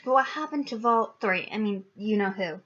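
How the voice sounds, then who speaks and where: Woman doing a shy boy wizard, quiet and hesitant; bright voice, lo-fi sound. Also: mid-range voice, lively intonation, a little fast. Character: timid eleven-year-old boy wizard. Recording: dull lo-fi recording.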